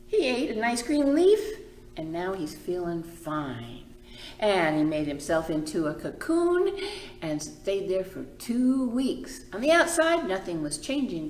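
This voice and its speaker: A children's librarian hosting storytime reads and teaches in a lowish voice, speaking expressively in simple phrases and stretching words out for young listeners. The room is echoey, with slight background noise.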